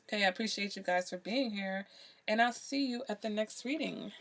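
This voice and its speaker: A woman's voice: mid-range voice, a little fast. A woman giving a tarot reading to camera, earnest and emphatic, repeating phrases and often checking in with "okay?". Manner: repeats phrases for emphasis, many "you know" fillers. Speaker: tarot reader.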